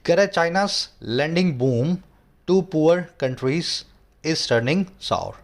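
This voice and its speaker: High-voiced Indian English tutor. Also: male voice. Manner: explains word by word, checks with listeners. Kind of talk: editorial reading lesson.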